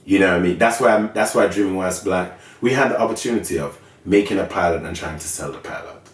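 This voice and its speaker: A man with a Jamaican accent speaks in a fairly low voice, animated and candid, often slipping into other people's voices for effect. He sits back from the mic, so the sound carries a roomy echo around him. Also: quick pace, recorded from a distance. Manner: animated, acts out voices of others mid-sentence. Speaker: filmmaker and show creator. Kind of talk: candid interview talk.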